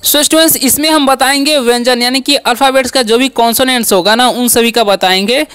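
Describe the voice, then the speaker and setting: High-voiced man drilling a lesson. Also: fairly even intonation, brisk, a bit bright, clear, resonant tone. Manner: drills with repeated questions and answers; frequent "ठीक है" and "okay" check-ins. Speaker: English teacher. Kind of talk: classroom-style lesson.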